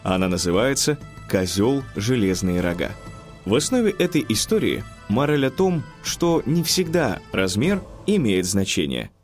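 A man reading a formal, measured project announcement. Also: lowish voice, very animated. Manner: measured, official. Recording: voice over music.

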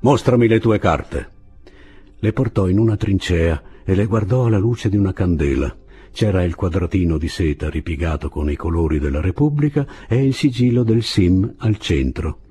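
A man narrating a novel as an audiobook reading, with expressive literary delivery. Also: sits low, normal speed, slightly rough.

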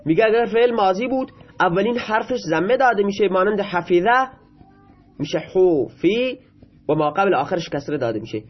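A husky, fairly high-voiced man working through a grammar lesson, reading a line of text and then patiently explaining it in his own words. He speaks Persian as his first language. The recording is a little muffled and lo-fi. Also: lively intonation. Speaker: Arabic grammar teacher.

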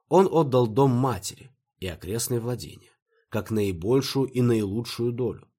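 A man reading an audiobook, voicing a calm, bookish young translator who is patient and mildly sarcastic. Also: fairly low pitch, breathy edge. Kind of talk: audiobook character voice.

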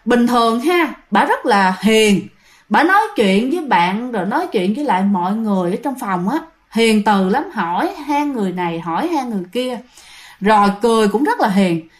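A woman with a southern Vietnamese accent and a fairly high voice tells a ghost story at normal speed. She's chatty and casual, animated in her retelling, and often speaks directly to her listeners.

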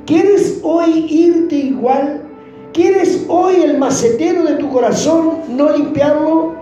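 Preacher guy, pleading prayer-style sermon, really animated pitch, echoey room w faint music. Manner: pleading, fervent, speaks as if praying aloud. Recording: roomy echo with faint music.

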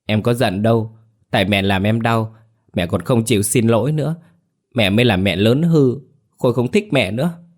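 A man's voice: on the low side, moderate pace, lightly acted. A man voicing a simple-minded grown son who talks like a small child, whiny and pleading. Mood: sulky.

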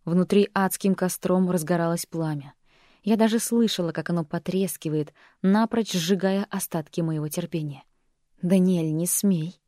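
Woman audiobook narrator, first-person novel, expressive and even, dry close sound. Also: lowish voice, moderate pace, no echo.

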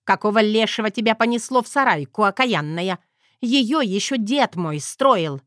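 A woman voicing a fiery little grandmother who scolds in a loud, folksy manner. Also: medium pitch, lively intonation, normal speed, dry recording, studio quality, close to an everyday voice. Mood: scolding.

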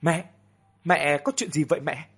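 A man's voice: on the high side, steady tone, a little slow, a bit bright, breathy edge, voice pushed up, exaggerated voice. A man voicing a desperate young man begging his mother for help. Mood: pleading. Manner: pleading.

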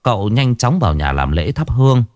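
A man narrating a story in a lively, expressive way, then chatting casually to listeners with many fillers. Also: medium pitch, fairly quick, no room sound, studio quality.

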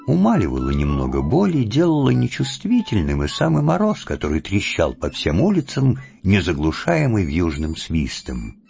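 A man narrating a classic tale in an unhurried, expressive way, in a dull lo-fi recording with faint music. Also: low voice. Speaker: audiobook narrator.

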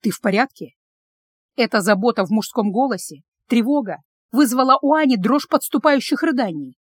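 A woman's voice: on the high side, expressive, fairly quick, husky, no room sound, clean studio sound. A woman narrating a dramatic audiobook story with emotion.

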